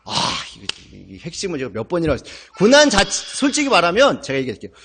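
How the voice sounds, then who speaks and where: Male pastor, high and very lively voice, emphatic, keeps quizzing the congregation. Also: very fast, noisy background. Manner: asks the congregation questions, animated and emphatic. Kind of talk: sermon. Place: church sanctuary.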